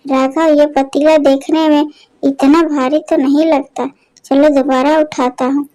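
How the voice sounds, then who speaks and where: Lady doing a sneaky greedy thief guy, storybook, wheedly, high and flat. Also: measured pace, rough recording. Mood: sly. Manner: wheedling, pleading when caught. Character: sly greedy village thief, man.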